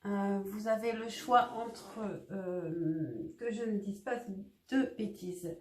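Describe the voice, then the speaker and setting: A woman's voice: mid-range voice, takes it slowly, darkish tone. A woman doing a casual tarot reading, talking hesitantly with lots of fillers and restarts. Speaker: tarot reader. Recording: echoey room.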